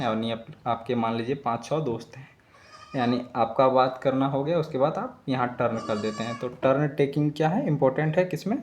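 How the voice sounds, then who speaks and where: A young man works through exam questions for his students, reading each one slowly before explaining the answer. His pitch is mid-range. A faint background hiss runs under the recording. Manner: reads English questions slowly then explains in Hindi. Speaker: exam prep tutor. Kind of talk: explaining quiz answers in Hindi lesson.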